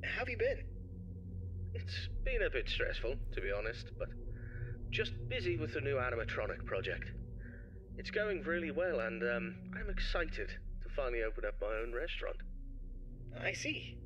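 A man voicing a friendly adult male restaurant partner in a video game, speaking in a soft, conversational, slightly awkward way. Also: mid-range voice, big pitch swings, normal speed, highs cut off, background noise, close to an everyday voice.

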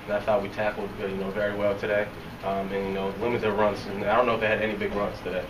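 A young man in his twenties answering reporters after a game, talking quickly and softly with many fillers and restarts. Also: fairly low pitch, flat delivery. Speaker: football player at a press conference. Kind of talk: post-game press interview. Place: locker room press area, indoors. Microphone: reporters' recorders held close. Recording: roomy, from a distance, noisy.

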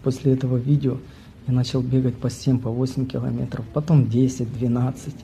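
A man in his thirties recording a low-key video message while lying in bed, speaking into an earphone mic. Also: level tone, brisk, creaky, dark tone, slight background noise. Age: 30s. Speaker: contest entrant. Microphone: earphone mic, phone close up.

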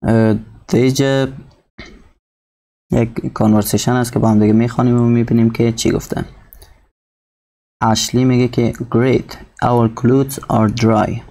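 Casting note: male teacher, dark and steady tone, slow textbook reading followed by translation. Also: medium pitch. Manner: explains each word slowly, reads English lines very slowly then translates. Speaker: English teacher. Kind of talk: recorded textbook lesson.

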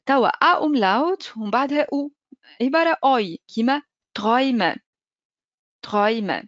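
A woman with a Tunisian accent teaches German pronunciation in an online lesson. She talks fast in a fairly high voice and keeps checking in with her students. The sound is dry and a little dull. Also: expressive, a bit bright, dry recording.

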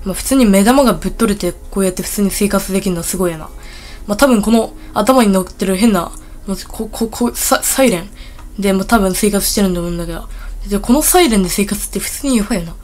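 A woman hosting a casual gameplay video, rambling and excitable with blunt, rough speech, talking a little thickly from a bitten tongue. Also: medium pitch, fast talker. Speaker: gaming video host.

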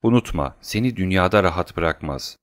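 A calm, friendly gentleman speaks in an even, low tone, read by a male audiobook narrator close to his own voice. The recording is dry and close. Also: normal speed, no echo.

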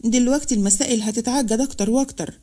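Woman voicing defiant young Egyptian woman, sharp-tongued, high voice. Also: very fast, lightly acted. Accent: Egyptian Arabic.

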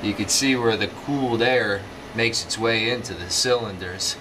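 A man who works as a marine mechanic talks through a repair in a plain, hands-on way. He is recorded in an echoey engine room, away from the mic, with a steady hum of machinery behind him. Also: on the low side, normal speed, far from the mic. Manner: plain-spoken, hands-on walkthrough. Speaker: marine mechanic showing his work. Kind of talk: casual how-to explanation. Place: yacht engine room, indoors.

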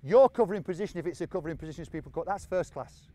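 A man coaching players on an outdoor training pitch, encouraging them and repeating short commands. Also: rapid-fire, warm tone. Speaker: football coach. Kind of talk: on-field coaching instruction.

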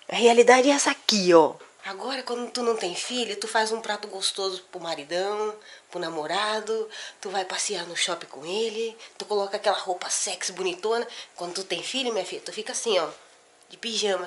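A woman's voice: mid-range voice, fairly quick. A young woman with a Brazilian Portuguese accent, a mother chatting to her viewers from home, teasing and talking straight to the camera. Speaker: vlogger and mother. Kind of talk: casual talk to camera. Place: at home, indoors.

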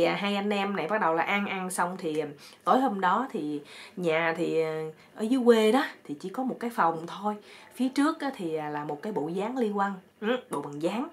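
Chatty woman storyteller. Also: mid-range voice. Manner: lively, chatty, full of exclamations. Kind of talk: comic storytelling.

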